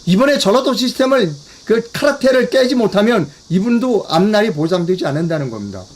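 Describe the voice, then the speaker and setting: A man's voice: sits high, sing-song, brisk. An older man giving a political news briefing, talking emphatically, repeating himself and putting rhetorical questions to his viewers. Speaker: political commentator.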